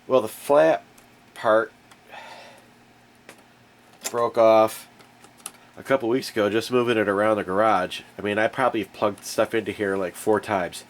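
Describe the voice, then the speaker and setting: Recorded off-screen on a camera mic in his garage, a home DIY reviewer with a cold and stuffy nose looks over and repairs a generator. His low, steady voice moves at a measured pace with long pauses, and his talk is folksy, rambling and a bit aggravated.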